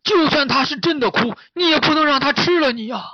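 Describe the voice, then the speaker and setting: A man's voice: high voice, expressive, normal speed, no room sound, dull audio, pitched above the performer's own voice. A man doing a fussing martial arts master. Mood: exclaiming.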